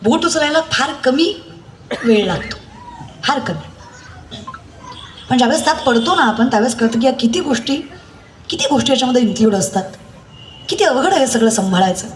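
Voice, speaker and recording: A woman preaches a devotional kirtan, telling stories and scolding her listeners. Her voice sits high and is picked up from some distance. The sound rings with echo over faint ambience. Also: lively intonation, fairly quick, pauses often, a little hiss or hum. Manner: storytelling, scolding the audience, rising into high exhortation.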